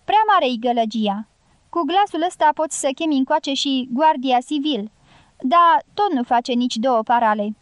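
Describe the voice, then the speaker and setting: A woman's voice: high voice, lively intonation, no room sound. A woman reading the part of a stern older woman who scolds and gives orders. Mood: scolding. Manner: scolding, commanding. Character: stern older woman leading a guerrilla band.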